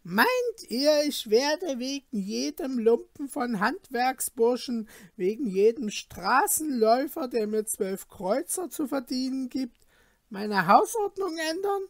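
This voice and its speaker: A man doing a high, scolding innkeeper woman. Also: slow, no room sound, studio quality, full character voice. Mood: angry. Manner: curt, scolding. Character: stern grumpy middle-aged female innkeeper.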